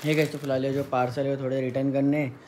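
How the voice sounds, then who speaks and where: Man, vlogger, casual chatter to camera, mid pitch, background noise. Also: level tone, rapid-fire, darkish tone. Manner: chatty, talks to camera and coos at a baby. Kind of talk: casual family vlog chat.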